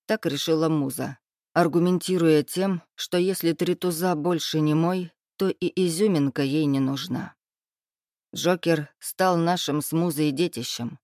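A man reading a first-person novel aloud as an audiobook narrator, in an even storytelling read. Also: fairly high pitch, dry recording, studio quality.

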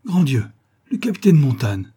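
A woman's voice: sits low, sing-song, moderate pace, mellow, slightly rough, voice pushed up, exaggerated voice. A man reading the part of a fussy mistress of the house who frets about her carpets and tulips. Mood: dismayed. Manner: fretful, exasperated.

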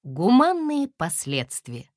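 A woman reading a children's fairy tale aloud in a slow, expressive, gently dramatic way. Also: mid-range voice, background noise. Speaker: narrator. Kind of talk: audiobook narration of a fairy tale.

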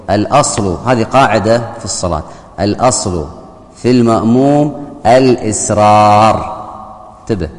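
A man's voice: fairly low pitch, darkish tone. A man giving a religious jurisprudence lesson, often posing rhetorical questions to his listeners. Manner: asks the audience rhetorical questions. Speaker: Islamic jurisprudence teacher. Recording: long hall reverb.

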